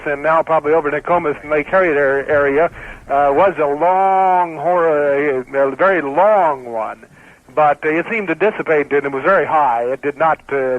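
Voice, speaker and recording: Tinny, halting American man reporting by radio. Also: a little high. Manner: halting, casual. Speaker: radio storm spotter. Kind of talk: live eyewitness report. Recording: tinny phone-like line on 1960s radio, faint noise.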